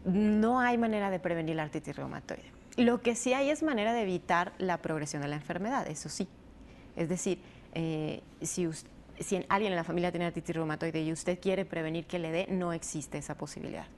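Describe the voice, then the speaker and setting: A woman rheumatologist, explaining a disease in measured interview answers with frequent fillers. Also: on the low side. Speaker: rheumatologist guest. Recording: faint background noise.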